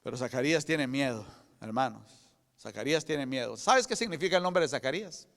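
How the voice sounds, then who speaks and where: An older man preaching a sermon as pastor, with fervent delivery that moves from loud proclamation to hushed whispers. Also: mid-range voice, lively intonation, brisk, gravelly. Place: church sanctuary. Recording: church hall with long reverb.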